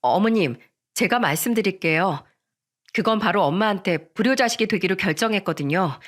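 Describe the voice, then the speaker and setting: A determined young woman who stands her ground against her mother, as a woman reads her in a radio story. She speaks calmly and deliberately, in an even mid-pitched voice. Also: natural voice. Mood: explaining. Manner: firm, calm, deliberate.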